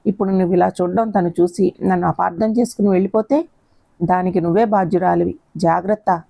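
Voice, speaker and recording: A woman's voice: lowish voice, fairly even intonation, brisk, vocal fry, dark tone, no room sound. Woman reading as a brash young suitor. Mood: scolding. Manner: scolding, then coaxing. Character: young man, brash then pleading suitor. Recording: dull lo-fi recording.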